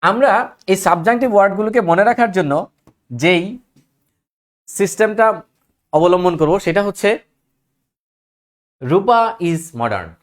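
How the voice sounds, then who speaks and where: A man's voice: sits high, brisk, long pauses. A man teaching an English grammar lesson, reciting word lists in a rhythmic chant and mixing English phrases into his explanations.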